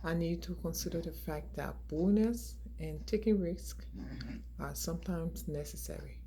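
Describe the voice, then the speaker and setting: A woman's voice: on the low side, measured pace, mellow, slight background noise, rough recording. A woman from Liberia in her forties, a graduate student reading a class presentation from slides with small restarts.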